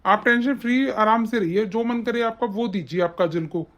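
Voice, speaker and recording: A woman's voice: medium pitch, moderate pace, fairly bright tone, close to an everyday voice. Woman doing a mean husband guy, bossy and threatening, cartoon story. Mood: soothing. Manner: scolding, threatening. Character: harsh, bullying young husband. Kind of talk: animated story voice acting.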